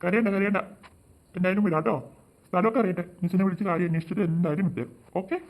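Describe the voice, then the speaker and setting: A man voicing a gentle, indulgent father in a family cartoon who soothes and gently scolds his kids. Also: high voice, rapid-fire. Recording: tinny phone-like, faint noise.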